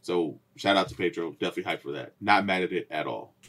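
A man co-hosting a casual podcast, teasing his partner and laughing often, sometimes dropping to a low mutter. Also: quick pace. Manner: teasing, laughs a lot, drops low and quiet. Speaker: podcast co-host. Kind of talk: casual chat.

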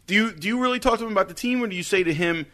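A man's voice: sits high, very fast, sharp tone. A man hosting casual sports banter in a home basement, needling his co-hosts with joking questions. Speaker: sports talk host.

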